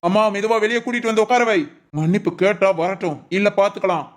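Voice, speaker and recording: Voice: mid-range voice, fast talker, close to an everyday voice. A voice actor playing a stubborn, defensive grown son in a family cartoon, curt in speech. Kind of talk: cartoon voice acting.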